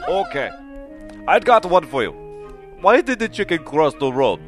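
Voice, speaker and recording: A man's voice: on the high side, sing-song, normal speed, soft background music. A man playing a jokey, teasing Afghan dating-show host in a comedy sketch. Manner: jokey, teasing, chuckling showman patter.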